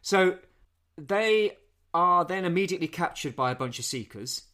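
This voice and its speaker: A man's voice: high voice, animated, moderate pace, bright, forceful tone. Rambling man reviewing a film. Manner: rambling, with frequent restarts. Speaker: podcast co-host. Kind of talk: casual film review chat.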